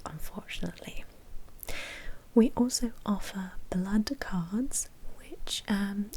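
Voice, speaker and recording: A woman with a medium-pitched, dark, slightly rough voice whispers her way through an ASMR roleplay as a courteous, businesslike manager of a vampire blood bank. She walks through the procedures helpfully and officiously.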